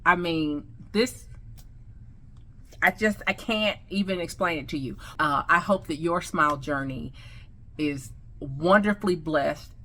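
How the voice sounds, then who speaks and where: Speaking a little slowly in a deep, sharp-toned voice, a customer gushes about her new teeth in a casual selfie vlog. She's chatty and effusive, and she has a slight lisp.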